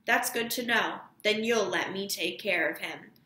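A woman's voice: mid-range voice, measured pace, sharp tone, reverberant. A woman reading aloud the lines of a principled father who speaks his mind fervently. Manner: fervent, outspoken. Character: passionate, principled grown man, a father.

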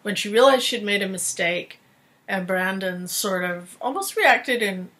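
A woman's voice: medium pitch, lively intonation, measured pace, a bit bright. Thoughtful woman co-host musing. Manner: thoughtful, hesitant with fillers. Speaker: podcast co-host. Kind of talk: casual commentary chat.

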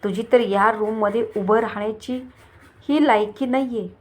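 A woman voicing a haughty young woman who shouts insults at a rival in a read-aloud story. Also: fairly high pitch, moderate pace, close to an everyday voice. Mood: scornful. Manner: shouting, contemptuous.

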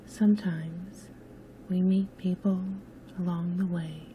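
A woman narrating a scripted sleep story in a hushed, soothing, soft-spoken manner, often close to a whisper. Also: on the low side, steady tone, takes it slowly, a little hiss or hum, poor audio. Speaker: host and narrator of sleep stories.

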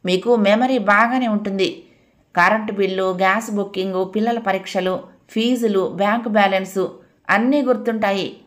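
A woman voicing a sharp scolding housewife. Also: medium pitch, steady tone, moderate pace, natural voice. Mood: lecturing. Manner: scolding, lecturing. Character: sharp-tongued sensible housewife.

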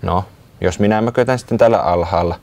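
A man's voice: low-pitched, vocal fry, a little mellow. A man voicing Molli, a small worried creature who sighs and speaks earnestly. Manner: sighing, hesitant, earnest.

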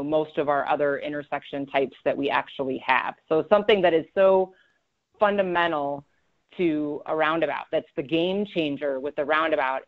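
A woman presenting a webinar as a road safety engineer, talking conversationally with frequent ums and self-corrections. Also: low voice. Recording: slightly dull lo-fi audio.

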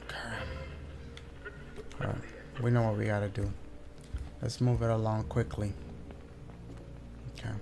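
A man's voice: lowish voice, flat delivery, measured pace, vocal fry, long pauses, background noise. A young man doing casual, sweary live commentary as a scared horror game streamer talking to his viewers. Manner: nervous, scared horror gamer, swearing often.

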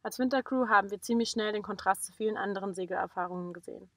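A woman's voice: mid-range voice, very fast, a bit bright, no echo. A young woman narrating a sailing vlog voice-over in a frank, outspoken and critical way.

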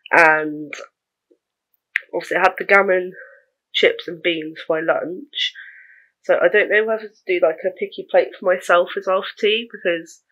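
A woman's voice: lowish voice, steady tone, moderate pace, lo-fi sound. A young woman vlogging in a casual, rambling way, chatting to the camera about her day with small laughs.

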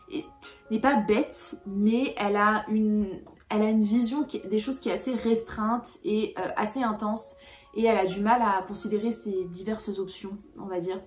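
Hesitant woman reviewing books, roomy sound. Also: mid-range voice. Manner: hesitant, many filler sounds and restarts. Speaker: book vlogger. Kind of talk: casual book review.

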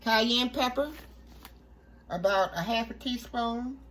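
A woman hosting a cooking show, walking through a recipe step by step in a relaxed, chatty way. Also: on the high side, slow pace, rough recording. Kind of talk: casual cooking demonstration.

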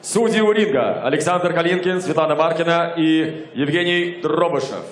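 Guy doing big ringmaster boxing intros, high voice, stretches names out, echoey arena speakers. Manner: grand showman delivery with drawn-out, shouted names. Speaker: ring announcer. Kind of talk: ringmaster-style boxing ring announcement. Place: large indoor boxing arena, in the ring. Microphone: handheld microphone over PA.

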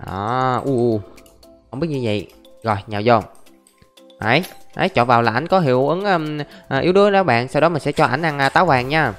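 A man's voice: medium pitch, lively intonation, a little fast. A young man chatting casually through his gameplay, narrating every step and calling out to his viewers. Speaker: gaming YouTuber. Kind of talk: casual Let's Play commentary. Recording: faint background music.

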